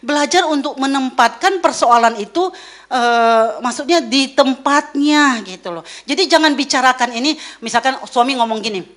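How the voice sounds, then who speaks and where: A middle-aged woman giving a lively church teaching, acting out quoted voices as she speaks. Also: high voice, moderate pace. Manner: lively, acts out quoted voices, mixes in English words.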